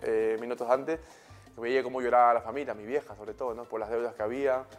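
A man in his thirties with a Peruvian Spanish accent, a guest telling stories in a relaxed, slangy way, often tagging his sentences with questions. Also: medium pitch, fast, soft background music. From Peru. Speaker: guest, former footballer. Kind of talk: casual interview storytelling.

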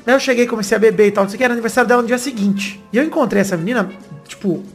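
A man's voice: high voice, very fast, soft background music. A man, co-hosting a podcast and telling a slangy, laughing story in casual chat. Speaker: podcast co-host.

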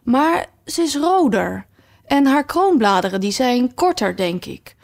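A woman's voice: a little high, big pitch swings, unhurried, gravelly, pitched above the performer's own voice, full character voice. A woman reading aloud voices a chatty, condescending talking rose in a storybook. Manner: patronizing, falsely kind.

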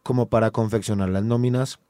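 A man's voice: lowish voice, steady tone, a little fast, mellow, no room sound, studio quality. A man co-hosting a sports talk show, explaining things at length with slangy asides. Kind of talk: casual football debate.

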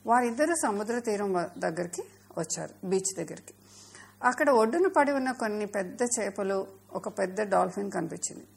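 A woman narrating a children's story in a measured, expressive way. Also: mid-range voice, creaky, breathy edge.

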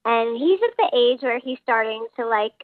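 A woman's voice: a little high, animated, moderate pace, dry recording. A woman calling into a radio show with her voice disguised by a voice changer, speaking bluntly and without apology. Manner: blunt, unapologetic. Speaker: caller. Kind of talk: radio call-in chat. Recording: phone line, dry.

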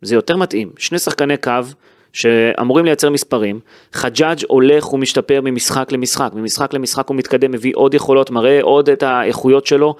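A man's voice: medium pitch, darkish tone, no echo, studio quality. A man hosting a sports podcast, chatting casually and animatedly about a football match, with frequent fillers and restarts. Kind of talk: casual football analysis chat.

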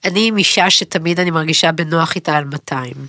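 A middle-aged woman co-hosting a podcast in casual chat, rambling, emotional and quick to joke. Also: low-pitched, pushed and bright, no echo, clean studio sound. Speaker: podcast co-host.

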